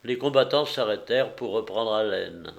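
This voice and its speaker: A man's voice: lowish voice, creaky. Man narrating a historical novel. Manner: measured storytelling. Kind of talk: reading a historical novel aloud.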